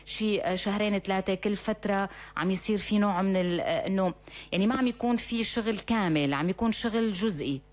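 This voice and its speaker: Fast-talking Syrian woman hosting radio phone-in. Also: medium pitch. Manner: repeats reassuring phrases. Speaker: radio call-in show host. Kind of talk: live phone-in chat.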